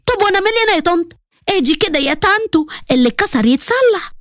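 A woman voicing a cheeky, sharp-tongued young woman in an animated story, with an Egyptian accent and a mocking, insulting manner. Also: very high-pitched, very fast, no echo, clean studio sound.

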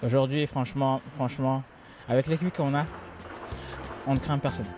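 A man's voice: medium pitch, fairly even intonation, normal speed, music in the background. A young man answers a street interview confidently, with some teasing.

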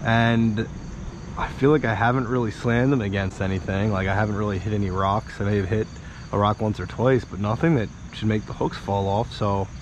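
Brisk and steady in tone, a lowish-voiced American man in his thirties chats casually with viewers as he fishes by a small creek in the woods. It's a folksy vlog shot on an action camera, with insects and outdoor ambience audible throughout.

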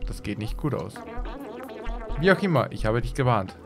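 A man's voice: very animated, normal speed. Man doing a grumpy, curt robot. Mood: dismissive. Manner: low, curt, dismissive. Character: grumpy, dismissive male robot. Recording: game music playing behind.

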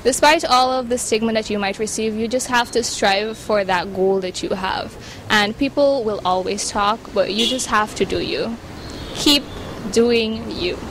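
This twenty-year-old woman from Guyana, who studies agronomy and works as a reporter, talks a little slowly in a high-leaning voice. She's outdoors next to a building, earnest and firm into a handheld mic, reporting the news and answering interview questions. There's noise in the background.

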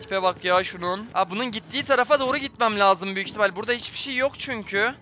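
Male streamer, tense horror-game commentary, high and bright, addresses viewers constantly. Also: quick pace, a little hiss or hum. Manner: tense, jumpy, talks to viewers. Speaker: gameplay streamer.

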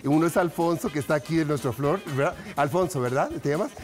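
A man's voice: fairly high pitch, fast talker, darkish tone, faint music behind. A man doing goofy, giggly stand-up on a TV show and laughing at his own jokes. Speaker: comedian. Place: TV studio.

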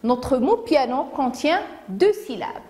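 A woman teacher with a Moroccan accent giving a phonics lesson to young children, saying each word slowly, syllable by syllable. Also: sits high, big pitch swings, dark tone. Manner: slow, deliberate, syllable by syllable. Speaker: primary school teacher.

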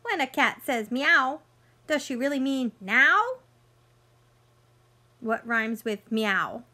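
Reading to young children from a picture book, a woman in her thirties sounds like a teacher, with a high-sitting voice. The delivery is lively and sing-song, broken by pauses for simple questions.

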